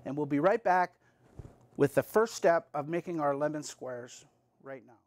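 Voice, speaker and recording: A middle-aged man with a fairly high voice walks viewers through a recipe in a small basement kitchen. He talks in a chatty, folksy way, straight to the folks at home. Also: moderate pace, no room sound. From Massachusetts, US. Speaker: cooking show host. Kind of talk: homey cooking demonstration. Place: basement kitchen of a town hall.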